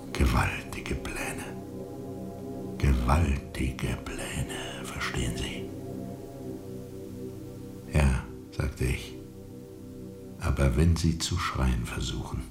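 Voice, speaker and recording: An actor playing a haunted sea captain in a radio drama, brooding and intense, moving between whispers and forceful declamation. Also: male voice, extremely low pitch, full character voice. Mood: whispered, haunted, then haunted, grim. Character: haunted, feverishly intense sea captain recounting a jungle ordeal. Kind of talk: German radio drama monologue.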